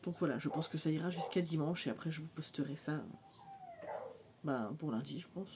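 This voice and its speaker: A low-pitched woman chats casually in a vlog from a mobile home on a hot day, rambling with many fillers and trailing pauses. Faint noise sits in the background.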